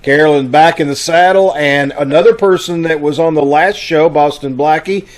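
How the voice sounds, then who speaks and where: This man's voice runs on the high side at a normal speed. As host of a live online radio-troupe broadcast held over a video call, he gives announcements in a laid-back, folksy, conversational manner.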